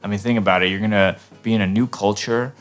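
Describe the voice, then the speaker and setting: A young man from New York talking casually to camera in a relaxed, chatty way, with fillers and restarts. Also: lowish voice, fast talker, soft background music. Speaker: vlogger.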